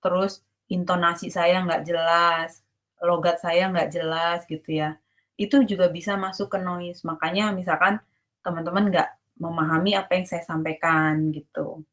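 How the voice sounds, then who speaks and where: A woman's voice: fairly low pitch, fairly even intonation, normal speed, a bit bright. Woman lecturing casually in an online class. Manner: explains casually, checks if students understand; mixes English terms into her speech. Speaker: university lecturer.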